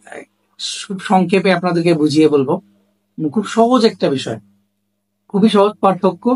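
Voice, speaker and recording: Man, fairly high voice, emphatic teaching tone, repeats example questions. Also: poor audio. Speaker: language teacher. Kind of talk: explanatory lesson to camera.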